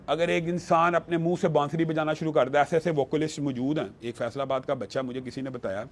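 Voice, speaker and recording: A man's voice: on the high side, steady tone. A man, a religious scholar, talking earnestly and arguing his case in a panel discussion, quoting scripture along the way. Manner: earnest, argumentative, quotes scripture.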